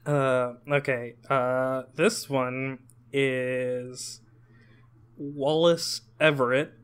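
A man co-hosting a comedy podcast, talking in a dry, unhurried way and laughing at the jokes. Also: medium pitch, little pitch movement, smooth. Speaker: podcast co-host. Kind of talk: casual comedic chat.

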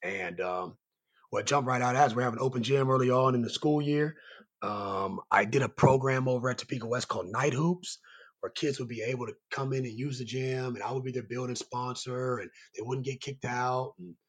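A man with a raspy, hoarse voice, worn from yelling, giving earnest, rambling answers as a coach being interviewed. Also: mid-range voice, moderate pace. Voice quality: raspy, strained voice. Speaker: high school basketball coach and site coordinator, guest.

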